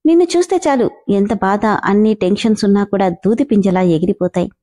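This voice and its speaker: Brief: a woman reading as a middle-aged mother on the phone, coaxing and firm, mellow storybook voice. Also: medium pitch, a little fast, close to an everyday voice.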